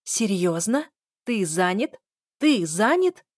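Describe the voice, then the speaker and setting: A woman reading an audiobook voices a furious young woman, shouting bitter and sarcastic lines. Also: medium pitch, animated, normal speed, no room sound, clean studio sound, voice pushed up, natural voice.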